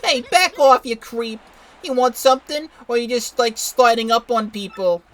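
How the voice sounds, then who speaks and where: A man doing a high, dramatic lovestruck mob daughter. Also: normal speed, fairly bright tone. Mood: indignant. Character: lovestruck young female Pianta, mob daughter. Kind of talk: playthrough voice acting of game text.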